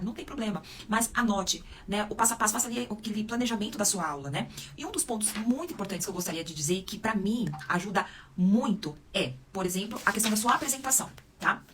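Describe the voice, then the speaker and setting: A Brazilian woman educator speaks close to the camera mic, giving teaching tips at a brisk, rapid clip. She keeps checking in with short tag questions as she goes, her pitch sitting in an ordinary middle register. A faint background noise sits under her voice. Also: fairly bright tone. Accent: Brazilian Portuguese. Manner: peppers sentences with "né?" and "tá?" tag questions. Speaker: educator and psychopedagogue. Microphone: close to camera or phone mic.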